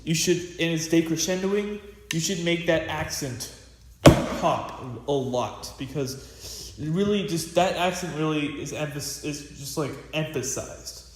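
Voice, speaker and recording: Speaking a little slowly in a fairly high voice, this student percussionist, a teenage boy, rambles through a casual snare drum practice lesson full of fillers and restarts. He's at a drum pad in a practice room, and the audio is echoey with heavy hiss.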